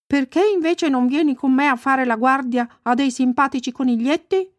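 A woman's voice: high-pitched, moderate pace, dry recording, pitched above the performer's own voice, lightly acted. A woman playing a big friendly dog. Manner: kind and helpful.

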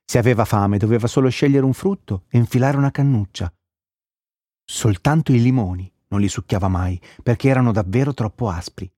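A man narrating a children's story with gentle storytelling. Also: mid-range voice, a little fast, no echo, studio quality. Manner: gentle storytelling, shifting into character voices.

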